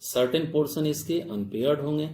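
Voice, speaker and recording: A man's voice: fairly high pitch, normal speed, mellow, roomy sound, slight background noise. A man giving an exam-prep biology lecture. He mixes Hindi with English technical terms and keeps asking his students questions, calling them "babu". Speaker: biology teacher.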